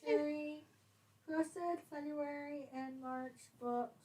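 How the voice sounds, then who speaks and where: A woman's voice: sits high, fairly even intonation, slow pace, dark tone, rough recording. A woman co-hosting a casual writing livestream, mischievous and giggly, reading out chat comments.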